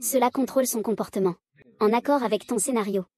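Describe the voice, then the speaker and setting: A woman's voice: a little high, fast, dark tone. A woman reading the dialogue of a dubbed drama, voicing every part in the same unchanging voice. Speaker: voice-over reader of a drama recap.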